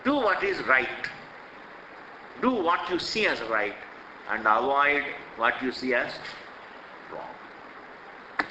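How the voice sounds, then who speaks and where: A man's voice: medium pitch, animated, slow pace, long pauses, pushed and bright, a little hiss or hum. An older man with an Indian accent giving a spiritual discourse, emphatic and repetitive, full of rhetorical questions, recorded in an echoey hall. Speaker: swami teaching scripture.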